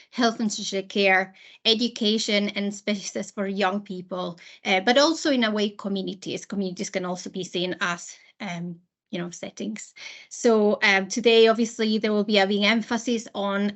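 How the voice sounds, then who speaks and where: Middle aged woman presenting on a video call, normal pitch, informal, pauses a lot. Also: fairly bright tone. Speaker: programme manager presenting at a workshop. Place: indoor room, on a video call. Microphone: video call microphone.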